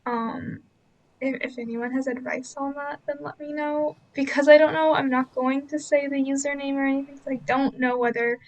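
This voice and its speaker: Young woman, book vlogger voice-over; high-pitched, some fry, relaxed rambling chat full of "um" and "like". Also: moderate pace, dull audio. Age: young adult. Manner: rambling, many fillers and hedges.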